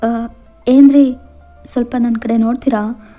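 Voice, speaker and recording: A timid young wife who pleads in a high, anxious voice, as a woman puts her on for a storybook-style audio tale. The tone is dark and mellow, with faint music underneath. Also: flat delivery, slow.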